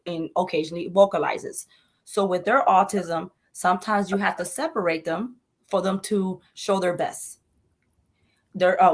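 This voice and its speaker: Earnest mother speaking emphatically. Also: on the low side. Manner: earnest, emphatic, repeats herself. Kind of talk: interview conversation.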